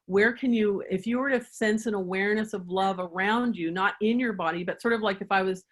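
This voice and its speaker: A woman's voice: medium pitch, brisk. A woman chiropractor answering interview questions in an earnest, thoughtful way, at times guiding the listener through a reflection. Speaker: chiropractor guest.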